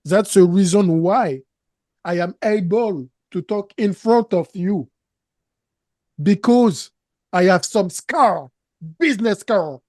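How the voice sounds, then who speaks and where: In a clean, echo-free studio recording, a Canadian man with a French accent and French as his native tongue is interviewed about his work as a business coach. His high voice has a darkish tone, and he speaks slowly and emphatically, earnest throughout, making occasional non-native grammar errors.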